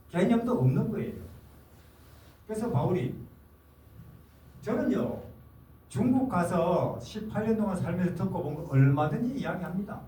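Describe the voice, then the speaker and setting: A man's voice: high voice, dark tone. An older man, a missionary, giving an earnest sermon in a hall and often answering his own questions. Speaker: missionary preacher. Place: forum hall. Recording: roomy hall, mic at a distance, faint noise.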